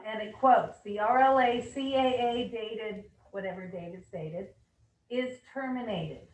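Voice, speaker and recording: Woman presenter, upbeat and chatty, a bit hoarse, higher voice, roomy distant mic. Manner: upbeat, reads rules aloud with asides and fillers. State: losing her voice. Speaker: managing broker leading an office meeting. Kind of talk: office meeting presentation.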